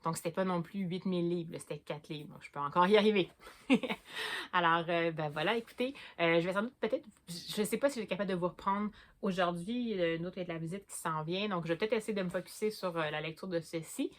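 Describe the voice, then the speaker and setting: Woman, Québécois accent, slightly low voice, casual book vlogger, hesitant and rambling. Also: fairly quick. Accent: Québécois French. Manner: chatty, hesitant, many fillers and restarts. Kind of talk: casual chat about books.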